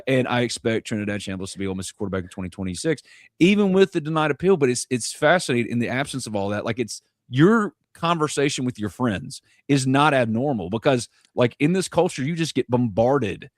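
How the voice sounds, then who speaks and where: Studio-quality audio without any room sound captures a medium-pitched man from North Mississippi. He runs a live sports podcast, joking around, rambling and making fun of himself in casual conversation.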